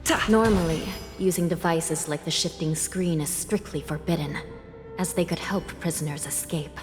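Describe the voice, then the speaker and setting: Woman playing a stern young female prison judge, low-pitched, clipped formal orders, game audio, long reverb, loud music behind. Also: normal speed, lightly acted. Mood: resolute.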